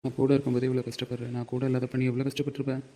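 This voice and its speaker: A man's voice: mid-range voice, monotone, rapid-fire, warm tone, natural voice. A man acting a caring young husband asking his wife about her past. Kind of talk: family audio drama.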